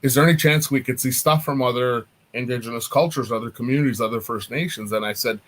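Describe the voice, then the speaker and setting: This is a man talking in an easygoing, casual way over a video call. His pitch sits in a middle range and he often laughs as he explains things. He has the unhurried manner of a guest chatting with a friendly host. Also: a bit bright. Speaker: artist and apparel designer, guest.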